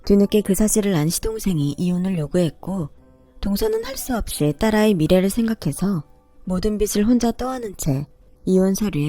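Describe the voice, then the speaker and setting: Woman telling a story first person, calm and chatty, mellow voice, faint music behind. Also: mid-range voice, dry recording. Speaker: story narrator.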